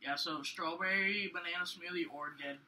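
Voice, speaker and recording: A man's voice: high-pitched, normal speed, pushed and bright, recorded from a distance, a little hiss or hum, rough recording. A young man insisting and laughing with friends during a food challenge. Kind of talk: casual chat among friends.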